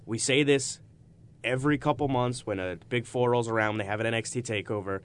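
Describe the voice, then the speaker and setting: A man's voice: mid-range voice, brisk, smooth. A man hosting a podcast with casual, enthusiastic and emphatic sports talk. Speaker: podcast host.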